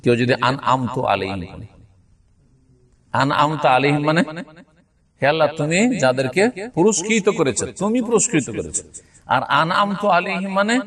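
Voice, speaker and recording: A man with a fairly high voice gives a classroom lecture on religious law. He recites Arabic verses carefully and keeps checking that his listeners follow. He is recorded from some distance off the mic. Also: very animated. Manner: explains slowly, checks understanding with frequent rhetorical questions. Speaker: religious teacher.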